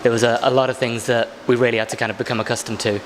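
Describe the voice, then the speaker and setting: A man's voice: mid-range voice, flat delivery, racing. A man in his twenties from England, explaining his travels in articulate, flowing sentences. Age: 20s. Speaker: backpacker interviewee. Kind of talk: casual interview answers. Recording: long reverb with faint background noise.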